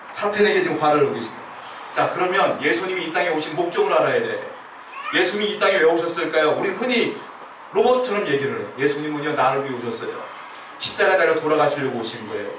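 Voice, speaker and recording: Picked up from afar with a roomy church sound and background noise, a male pastor with a fairly high voice delivers a sermon in the sanctuary. He explains step by step and questions his congregation along the way.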